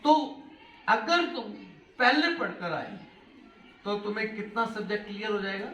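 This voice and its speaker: A middle-aged man with a high, bright voice addresses a room full of schoolchildren at a moderate pace, his pitch swinging widely as he quizzes them. This motivational speaker is animated, asks the class questions, and mixes in English phrases. He's heard from some distance in an echoey hall over faint background noise.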